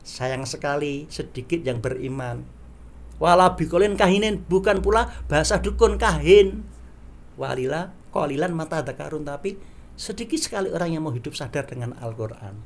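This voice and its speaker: Male religious lecturer, gravelly and slightly high, chants verses, acts out little scenes. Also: lively intonation. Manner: acts out sung and spoken examples in a raised voice; chants Quran verses slowly. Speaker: Islamic teacher.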